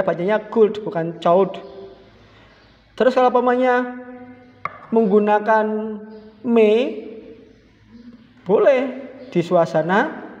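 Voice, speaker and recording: A male primary school teacher, explaining a lesson in a relaxed, chatty way and repeating examples slowly. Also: sits high. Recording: dull lo-fi sound with long reverb.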